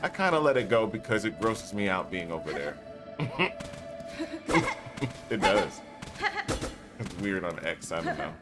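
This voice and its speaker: A man livestreams a game and chats casually with his viewers as he plays, laid-back and talkative, breaking into playful little ditties now and then. His low, expressive voice moves a little slowly with long pauses, giving live gameplay commentary. Loud game music plays behind him.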